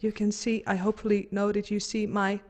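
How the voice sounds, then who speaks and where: A woman vocal coach guides a group through a warm-up on a video call, her instructions calm, gentle and unhurried. She speaks into a studio microphone and turns chatty and self-deprecating when the tech comes up. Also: medium pitch. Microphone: studio microphone through an audio interface on a video call.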